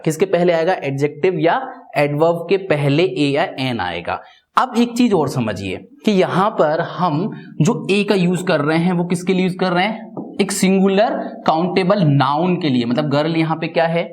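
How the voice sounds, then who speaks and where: A man teaching English grammar in Hindi, asking himself rhetorical questions and answering them, with frequent "theek hai" fillers. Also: a little high. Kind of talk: Hindi-language grammar lesson.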